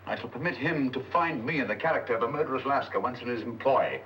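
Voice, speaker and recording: An actor playing a brilliant, commanding detective with a crisp, incisive delivery, on a dull 1940s film soundtrack. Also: male voice, medium pitch, quick pace, a bit bright, slight background noise, lightly acted. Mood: urgent.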